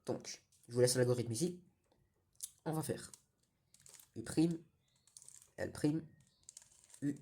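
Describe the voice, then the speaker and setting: A man's voice: fairly high pitch, dark tone, husky. A young man giving a patient step-by-step tutorial, often correcting himself. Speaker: cubing tutorial host.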